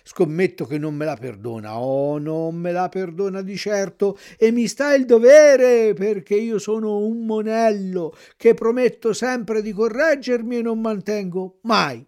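A man's voice: high voice, measured pace, few pauses, darkish tone. A man voicing a wooden puppet boy who pleads urgently and whines when he is kept waiting. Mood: remorseful.

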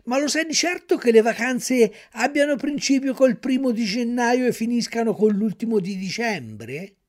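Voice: mid-range voice, expressive, moderate pace, pitched above the performer's own voice, natural voice. A reader playing Pinocchio, a wistful, wavering puppet boy. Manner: wistful, hesitant, wondering. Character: wooden puppet boy Pinocchio, tempted and torn.

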